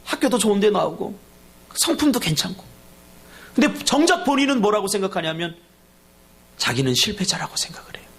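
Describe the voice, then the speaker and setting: A man's voice: high-pitched, sing-song, fairly quick, pauses often, low-quality recording. A man preaching a sermon as pastor, telling stories and acting out the people in them. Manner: storytelling sermon, acting out dialogue and shouts.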